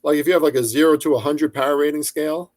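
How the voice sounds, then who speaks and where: A man's voice: fairly high pitch, fairly even intonation, fast talker, darkish tone, no echo. Young guy talking football bets, swears a lot, lots of um and you know, dry close sound. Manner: loose and profane, full of fillers and restarts; hedging, chatty asides. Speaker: sports betting commentator. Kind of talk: casual sports betting commentary.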